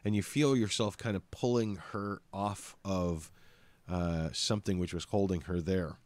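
A man with a very deep, low voice runs a tabletop game as its narrator. He describes each scene in a halting way, stopping often on "uh" and "um" while he searches for the next detail. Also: fairly even intonation, darkish tone, dry recording. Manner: hesitant, many ums and uhs while describing scenes. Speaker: game master.

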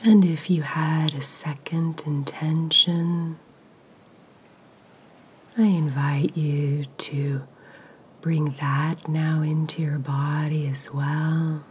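A woman whispering a slow guided meditation, breathy and soothing, with long soft pauses. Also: deep voice, flat delivery.

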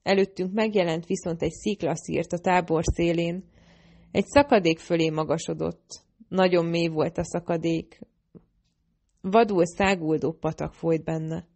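Audiobook narrator, woman, slightly low voice, steady first-person fantasy reading.

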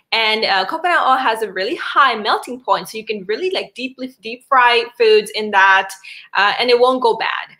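Bright, fairly high, chatty woman, fillers and restarts, video call. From Sri Lanka. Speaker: wellness doctor presenting a webinar. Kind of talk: informal health presentation.

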